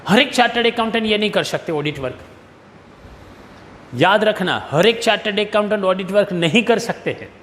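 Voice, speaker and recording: High-voiced male teacher dictating slowly. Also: expressive, fairly bright tone, big-room sound, a little hiss or hum. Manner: mixes Hindi with English terms, slows to dictate definitions. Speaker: commerce teacher. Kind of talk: recorded video lecture.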